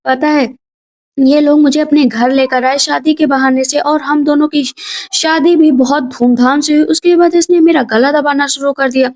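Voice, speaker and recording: A vengeful young bride's ghost, bitter and accusing as she pours out her grievances, told by a woman narrating a film. The voice rides high. The telling stays plain rather than eerie. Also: steady tone, moderate pace, a little mellow, natural voice.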